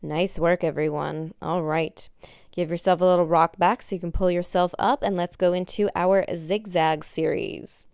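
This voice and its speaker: A young woman leads a workout in the manner of an aerobics instructor. Her voice is slightly low and very clean, with little room echo. She gives encouraging cues while doing the exercises herself. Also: steady tone, normal speed, a little mellow, smooth, studio quality. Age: young adult. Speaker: fitness instructor. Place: indoor wood-floored exercise studio.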